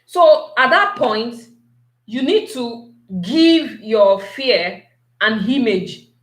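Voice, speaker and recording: Woman, motivational coach, unhurried questioning delivery, higher voice, roomy echo. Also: expressive. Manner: slow, repetitive, asks many questions. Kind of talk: motivational talk to an audience.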